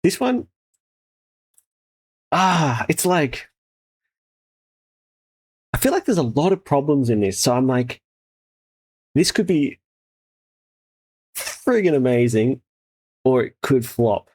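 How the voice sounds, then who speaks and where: Husky, animated man reacting to game trailers. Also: medium pitch, takes it slowly, long pauses. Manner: sweary, laddish, slangy enthusiasm. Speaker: host, game developer reviewing trailers. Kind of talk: casual trailer reaction commentary.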